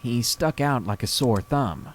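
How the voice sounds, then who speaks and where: A man reading a scary true story aloud with slow, dramatic pacing. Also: medium pitch, lively intonation. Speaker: story reader.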